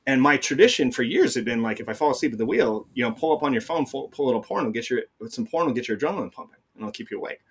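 A middle-aged man telling his story as a guest in a casual conversation, talking rapidly with many restarts. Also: medium pitch, animated, breathy edge.

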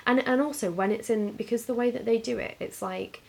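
Chatty woman, gravelly edge. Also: fairly high pitch, fairly quick. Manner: chatty, restarts sentences, acts out quotes. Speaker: podcast co-host. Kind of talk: casual chat.

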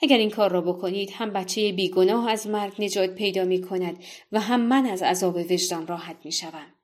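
A woman's voice: medium pitch, darkish tone, lightly acted. A woman voicing a frightened male executioner who speaks hesitantly and apologetically in a told folktale. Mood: pleading.

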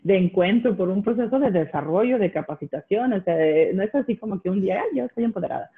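A middle-aged woman from Monterrey with a northern Mexican accent, telling animated stories in casual conversation and laughing often. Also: medium pitch, fairly quick. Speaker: guest. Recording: tinny phone-like line.

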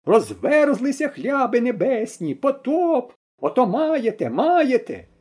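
A man reading aloud and voicing a pious old village woman who wails and laments in a shrill, drawn-out way. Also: very animated, a little mellow, slightly rough, exaggerated voice. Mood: preaching.

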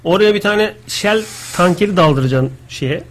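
A man co-hosting a live radio talk show, chatting and joking in quick banter. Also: high voice, expressive. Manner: rapid, joking banter with impressions. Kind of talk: casual live radio chat.

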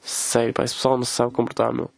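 Fast-talking young Portuguese man ranting. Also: medium pitch, monotone, vocal fry, no room sound. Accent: European Portuguese. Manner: swears often, mimics people in quoted voices. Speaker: podcast host. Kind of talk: casual comedic rant.

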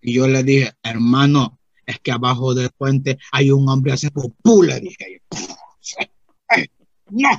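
A naive, rambling rustic churchgoer, as a man puts him on in a comic monologue, speaking with a gravelly, husky voice pitched a bit high. He keeps looping back with "mire" and acts out the other voices in his tale. The recording is dull and lo-fi, and the room sounds dry. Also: slow pace, no echo.

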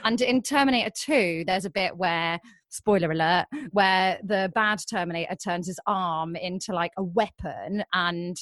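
A woman's voice: fairly low pitch, measured pace, no room sound. A woman chatting casually on a comedy podcast, telling stories and acting out the voices of people in them. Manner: animated storyteller, acts out quoted voices. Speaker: improv comedy podcast cast member. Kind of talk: casual chat.

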